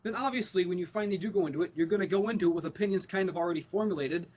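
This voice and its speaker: Ranting young man, quick and profane. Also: sits high, a little mellow, dull audio. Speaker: podcast co-host. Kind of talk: casual chat.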